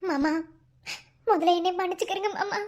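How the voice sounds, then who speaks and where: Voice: a little fast, a little mellow. A voice actor playing a young village woman in a cartoon, pleading through tears in a Madurai Tamil accent. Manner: tearful, pleading, high and thin. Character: young village woman begging to wed her love. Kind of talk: cartoon voice acting.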